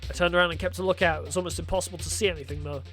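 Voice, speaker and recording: Male storyteller, high voice, first-person dramatic narration, music in the background. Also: fairly even intonation, very fast, a bit bright.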